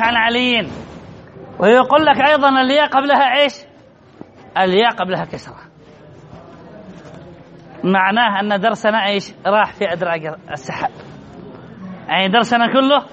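A man with a strikingly high voice leads a grammar lesson. He quizzes his listeners and answers his own questions, repeating the key words. The recording sounds muffled and lo-fi, with a faint hiss behind him. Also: fairly quick, long pauses, fairly bright tone. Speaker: grammar teacher. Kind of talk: classroom lesson on Arabic grammar. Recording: dull lo-fi recording with faint noise.

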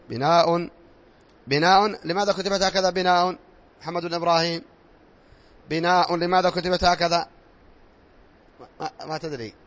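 High-voiced man teaching a classroom grammar lesson. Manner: reads rules aloud and quizzes pupils; repetitive, drilling tone.

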